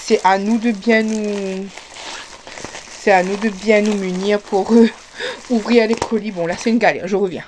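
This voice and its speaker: A woman's voice: medium pitch, steady tone, a little slow, a little mellow, slight background noise. A woman with a Réunion French accent, chatting casually to camera as she unboxes parcels, full of fillers and restarts. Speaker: vlogger.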